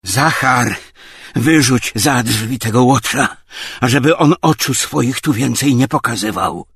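An idle gentleman snaps back in clipped, indignant lines, as a male narrator voices him. The voice is slightly husky, lively in pitch and recorded close and dry. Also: unhurried, no room sound, exaggerated voice. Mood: furious. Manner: curt and indignant, raised voice. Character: idle gentleman, cool at first, then trembling with rage.

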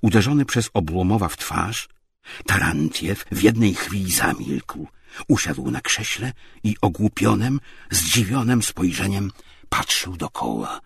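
A man reading a novel aloud as narrator in a calm, measured way. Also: low-pitched, vocal fry, breathy edge. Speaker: audiobook narrator. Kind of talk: scripted narration.

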